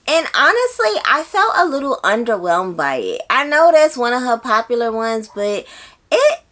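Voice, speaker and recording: Speaking at a moderate pace in a fairly high voice, a female book vlogger addresses her viewers casually, using slang and repeating words to stress her points expressively.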